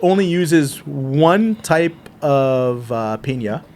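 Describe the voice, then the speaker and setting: A man hosting a casual whiskey review podcast, joking around and explaining things in quick, rambling bursts. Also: fairly high pitch, animated, darkish tone, slight background noise. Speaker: podcast host.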